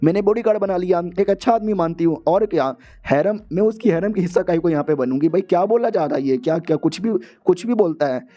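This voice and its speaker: A man's voice: high-pitched, fast, few pauses, warm tone. A man casually retelling a manga chapter in a jokey, slangy, exaggerated way. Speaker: manga recap narrator. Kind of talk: casual comic story recap.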